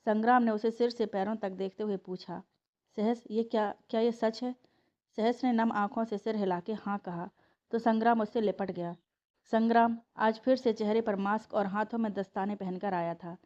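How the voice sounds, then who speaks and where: A woman reading a family story aloud as scripted narration, in a steady, emotive storytelling manner. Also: mid-range voice, normal speed, dull audio.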